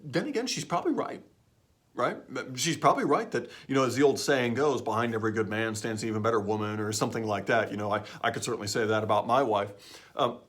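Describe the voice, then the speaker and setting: A man's voice: medium pitch, fast talker. A male teacher giving a recorded lesson, explaining in a conversational way and often checking in with "right?".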